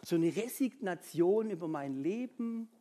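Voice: mid-range voice, a little slow. A preacher retells a Bible story in a chatty sermon and keeps asking "ja?" to check in with listeners. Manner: chatty, tags nearly every sentence with a questioning "ja?"; animated storytelling with sound-effect sighs.

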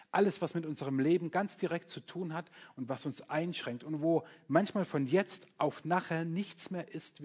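German guy preaching a sermon, voice a bit on the high side, earnest, talks right to the congregation. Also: darkish tone, breathy edge. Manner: earnest, pastoral, addresses listeners directly.

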